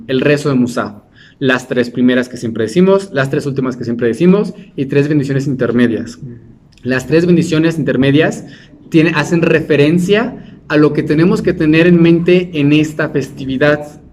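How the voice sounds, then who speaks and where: A man's voice: on the high side, measured pace, a little mellow, a little hiss or hum. A man giving an informal Torah class, talking conversationally and putting questions to his listeners. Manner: conversational, asks the class questions, many restarts. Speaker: Torah teacher.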